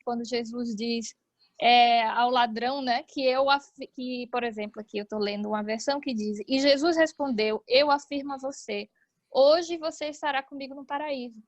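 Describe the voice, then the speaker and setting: A woman's voice: a little high, normal speed, dry recording. A woman with a Brazilian Portuguese accent, explaining a Bible verse and reading it aloud in an online Bible study.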